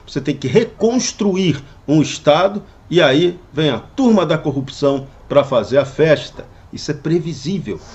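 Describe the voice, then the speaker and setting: A man's voice: a little high, darkish tone, dull audio. A man delivering a scripted opinion commentary, indignant and full of rhetorical questions. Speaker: political commentator.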